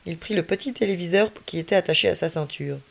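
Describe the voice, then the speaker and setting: Woman, storyteller, children's story read aloud, expressive, lively. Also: fairly low pitch, quick pace, creaky.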